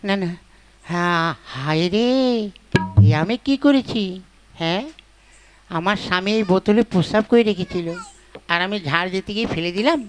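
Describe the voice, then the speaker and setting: A woman's voice: mid-range voice, slight background noise, close to an everyday voice. A woman voicing a flustered, scheming village wife in a comic puppet play, fussing and talking to herself. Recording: music playing behind.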